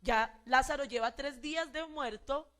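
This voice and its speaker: A woman's voice: high voice, unhurried, a bit bright. A woman with a Colombian accent preaching a sermon and putting repeated questions to the congregation. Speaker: pastor.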